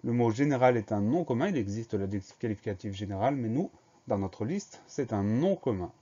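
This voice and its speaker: A man's voice: mid-range voice, expressive, a little fast, dark tone, muffled recording. A man teaching a spelling dictation lesson, patiently spelling each word out letter by letter.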